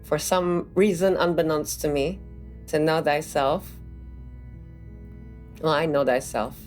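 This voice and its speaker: A woman's voice: deep voice, fairly even intonation, takes it slowly, a little mellow, faint music behind. A woman game streamer giving casual playthrough commentary in a musing, playful, sardonic way.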